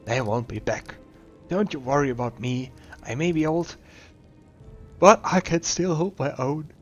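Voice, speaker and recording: A man's voice: on the high side, measured pace. A man reading as a rambling old custodian. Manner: rambling, wandering questions. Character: old, confused male museum custodian, rambling. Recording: slightly dull lo-fi recording. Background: faint game music.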